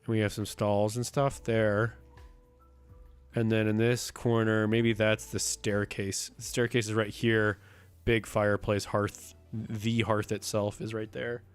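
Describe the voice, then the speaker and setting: A man streaming live with a sick, rough voice. He chats casually and thinks aloud as he builds a map, often counting under his breath. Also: lowish voice, little pitch movement, unhurried, faint music behind. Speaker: streamer and host.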